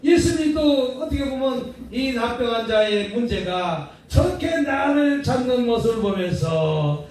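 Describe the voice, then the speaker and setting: A man's voice: very high-pitched, animated, unhurried, hardly any pauses, darkish tone. A male pastor preaching a revival sermon in a prayer house hall, speaking in a folksy way with rhetorical questions and call-and-response lines that draw answers from the congregation. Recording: very echoey hall, distant mic, faint noise.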